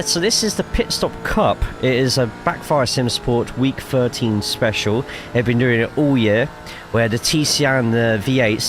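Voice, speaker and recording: A man with a cough giving casual, chatty live commentary while streaming a sim racing game, swearing freely and reading chat aloud. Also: mid-range voice.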